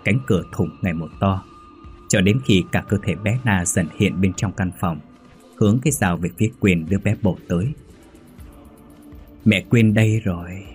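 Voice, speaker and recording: A man narrating a horror story in a measured, ominous reading. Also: low-pitched, a little mellow. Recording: faint background music.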